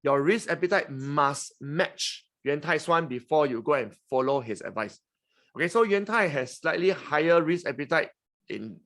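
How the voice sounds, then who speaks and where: A man's voice: medium pitch, fairly bright tone. A man in his forties with a Singaporean English accent, hosting a finance webinar in a chatty, teasing way. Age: 40s. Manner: chatty, teasing, frequent "okay?" and "huh?". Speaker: webinar host. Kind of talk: lively finance webinar talk.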